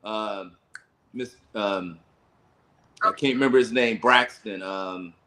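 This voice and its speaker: A man co-hosting a casual podcast, speaking in a reflective, deliberate way. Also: on the low side, bright, forceful tone, poor audio. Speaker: co-host. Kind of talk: casual chat.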